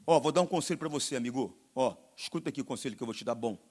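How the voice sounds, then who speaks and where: A man with a Brazilian Portuguese accent preaching a sermon as pastor, swinging between loud exhortation and quiet, confiding asides. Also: medium pitch, rapid-fire.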